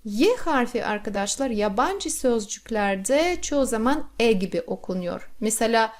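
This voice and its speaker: A woman teaching a pronunciation lesson, saying each word slowly and repeating it for the learner. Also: a little high, expressive. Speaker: Russian language teacher.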